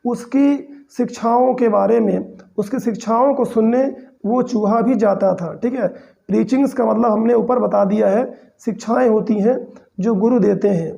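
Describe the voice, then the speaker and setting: A man teaching English by reading story sentences slowly and explaining them in Hindi. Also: sits high, creaky, dark tone. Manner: reads English slowly, then explains in Hindi with frequent "theek hai". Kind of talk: line-by-line translation lesson.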